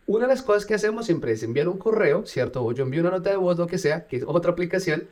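Energetic man, business owner type, casual screen-demo host with a slightly high voice and punchy asides. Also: fast talker. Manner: energetic, with punchy sound words; speaks directly to viewers. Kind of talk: casual tutorial vlog.

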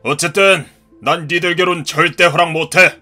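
A man voicing a gruff, hot-tempered ex-marine father in his fifties who scolds and shouts in a cartoon story. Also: a little high, steady tone, normal speed, soft background music. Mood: furious. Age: 50s.

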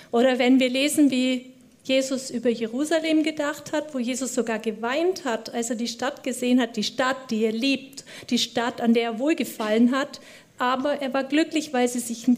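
Woman preacher, middle-aged, high voice, earnest conversational testimony. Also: a little mellow. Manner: earnest, conversational, with many fillers and restarts. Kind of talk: personal testimony sermon.

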